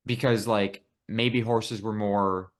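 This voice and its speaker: A man's voice: on the low side, steady tone, takes it slowly. A man from Buffalo, New York, co-hosting a podcast in casual chat, teasing and joking, with casual swearing. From Buffalo, New York, USA. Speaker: podcast co-host.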